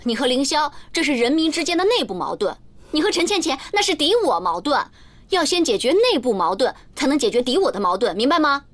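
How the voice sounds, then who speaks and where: An actress in a TV drama playing a brash, sharp-tongued woman lecturing her crying friend. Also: high-pitched, big pitch swings, a little fast. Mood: bossy. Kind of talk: TV drama acting.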